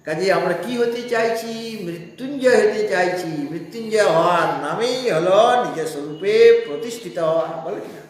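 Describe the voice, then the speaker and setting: A male Vedanta teacher with a high voice gives a scripture class discourse in a spiritual society hall with heavy echo. He explains slowly and patiently, asking listeners rhetorical questions.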